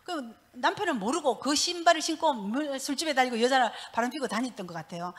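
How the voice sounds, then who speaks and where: A middle-aged woman giving a church testimony as a pastor's wife, telling her story in an animated way and laughing often. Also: high-pitched, fast.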